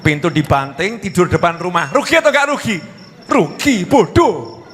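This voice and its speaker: Male preacher, middle-aged, fairly high voice that leaps around, echoey hall. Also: fast talker. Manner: animated and joking, speaking directly to the audience. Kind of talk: lively humorous sermon.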